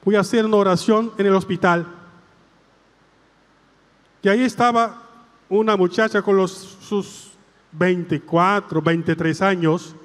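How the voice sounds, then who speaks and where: High-voiced priest preaching slowly in a hall. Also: male voice, steady tone, fairly bright tone. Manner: slow, deliberate phrasing in short broken pieces. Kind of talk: sermon.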